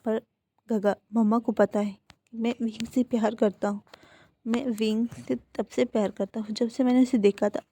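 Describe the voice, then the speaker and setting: A woman's voice: fairly high pitch, warm tone, slightly rough. A woman voicing a devoted, lovestruck young man who is playful and insistent. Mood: earnest.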